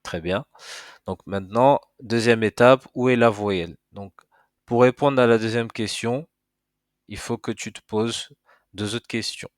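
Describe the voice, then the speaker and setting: A man's voice: medium pitch, measured pace, no room sound, clean studio sound. A man giving a casual spoken lesson in reading the Arabic alphabet. He talks informally, explains step by step and keeps checking with "d'accord?" between hesitant fillers. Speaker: Arabic teacher.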